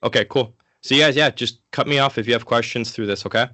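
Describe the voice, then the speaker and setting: A man giving an informal, interactive lecture in a casual, conversational way, sick and low on energy. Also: fast talker, bright, forceful tone, no echo. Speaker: guest lecturer from an online ministry.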